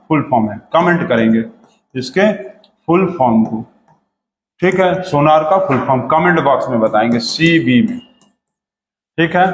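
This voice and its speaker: A man giving a chemistry lesson in a chatty, repetitive way, coaxing his students along. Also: on the high side. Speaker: teacher. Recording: echoey room with long reverb.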